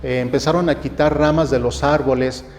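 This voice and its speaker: A man with a Mexican accent preaching a sermon, speaking deliberately, asking rhetorical questions and often restarting his phrases. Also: mid-range voice, fairly even intonation, a little mellow, big-room sound, slight background noise. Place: church.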